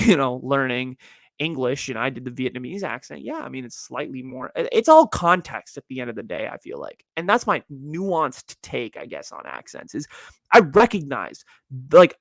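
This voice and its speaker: Animated young man rambling casually. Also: mid-range voice, dry recording, studio quality. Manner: rambling, conversational, frequent fillers and self-corrections; animated, swearing. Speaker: podcast host. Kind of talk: casual solo monologue.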